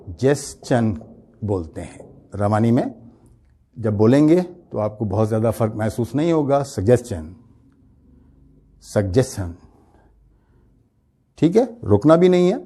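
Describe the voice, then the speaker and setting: A man giving a pronunciation lesson, slow and deliberate, stretching out the words he demonstrates and asking rhetorical questions. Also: mid-range voice, mellow. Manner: explanatory, asking rhetorical questions and checking with "right?". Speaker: English teacher.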